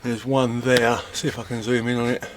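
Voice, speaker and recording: A man talks away in a relaxed, rambling way, joking at his own expense while he takes apart scrap computers. His voice sits at an ordinary middle pitch. Loud clattering and clicks from his work fill the recording behind him. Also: fairly quick, very noisy. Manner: chatty, self-mocking, muttering while working. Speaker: scrapping vlogger. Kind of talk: casual chat while working.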